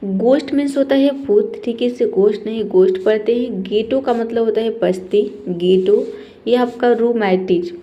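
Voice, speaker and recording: A woman's voice: on the high side, moderate pace, dull audio. A woman teaching an English spelling lesson, explaining patiently and repeating each word, often checking in with her students.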